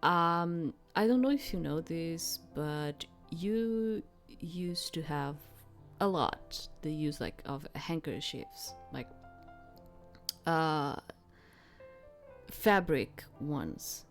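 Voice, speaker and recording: Low-voiced woman streamer, non-native English. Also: expressive, drawn-out words, faint music behind. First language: not English. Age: adult, grew up before handkerchiefs went paper. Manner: rambling, lots of "like" fillers. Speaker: game streamer. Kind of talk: casual commentary and reading game narration.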